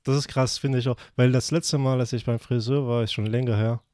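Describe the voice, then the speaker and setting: A man's voice: medium pitch, fairly even intonation, brisk, a little mellow, no echo, clean studio sound. A young man originally from Iran chatting casually as a podcast co-host, teasing and laughing easily. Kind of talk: casual slangy chat.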